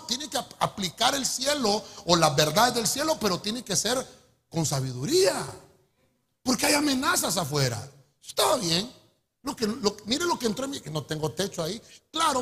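A middle-aged man with a Honduran accent preaching a testimony sermon, telling his story in an animated way and calling his listeners brother. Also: high voice, fairly quick, slightly rough. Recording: echoey hall with long reverb.

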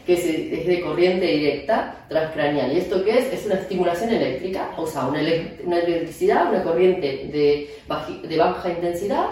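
A neurologist with an Argentine Spanish accent answers interview questions about her work, frequently using fillers and restarting. Her voice is fairly low and dark, expressive and fairly quick with hardly any pauses, caught by a distant mic in an echoey room.

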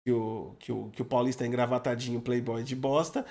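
A man's voice: medium pitch, level tone, fairly quick, creaky, crowd noise. Laid-back São Paulo man, slangy. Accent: São Paulo Portuguese. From Brazil. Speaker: livestream co-host. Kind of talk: casual livestream chat.

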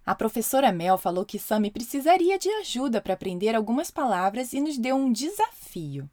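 A woman hosting a children's podcast, narrating a story in a lively storytelling voice. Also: on the high side, normal speed, no room sound.

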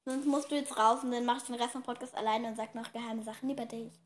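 A bossy, talkative girl of about eleven hosts a home podcast, her voice high and bright. She rattles on quickly and keeps scolding her younger sister. A faint hiss and small clicks sit under the recording. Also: steady tone. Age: child, about 10 to 11. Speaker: podcast host. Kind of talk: casual kids' podcast chat.

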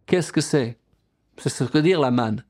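A man's voice: medium pitch, lively intonation, a little slow, darkish tone. A middle-aged male pastor preaching a sermon, quoting scripture and asking the congregation questions.

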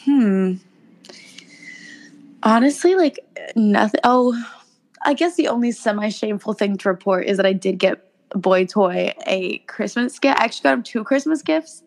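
A young woman co-hosting a casual chat, with a raspy voice from being sick and slangy talk full of "like". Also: mid-range voice, animated, moderate pace, a little mellow. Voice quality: smoker-like rasp. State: sick with a cough, voice roughened. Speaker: podcast co-host.

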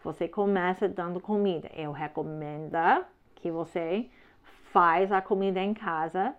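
A woman's voice: on the low side, unhurried. Firm woman teaching with frequent checks. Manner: simple, slightly broken phrasing. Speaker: parenting teacher. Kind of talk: instructional talk. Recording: slightly dull lo-fi sound.

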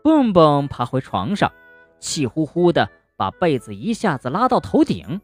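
A woman narrating a children's bedtime story gently and expressively, speaking to a young listener. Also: sits low, sing-song, unhurried, soft background music.

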